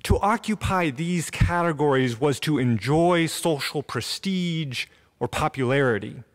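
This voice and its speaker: A man in his thirties, a pastor delivering a sermon in an empty church sanctuary at a gooseneck podium mic, earnest and measured with deliberate pauses. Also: on the high side.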